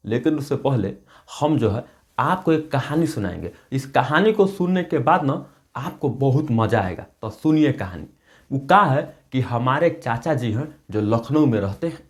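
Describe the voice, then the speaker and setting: A man with a Bihari accent, Bhojpuri his first language, hosting a casual spoken-English lesson in a playful, folksy, joking way. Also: on the high side. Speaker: English-speaking tutor, channel host.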